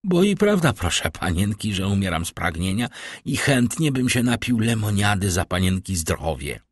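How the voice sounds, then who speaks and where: A man's voice: fairly low pitch, sing-song, normal speed, husky, no echo, clean studio sound. A man reading an audiobook, voicing a loyal, humble old male servant.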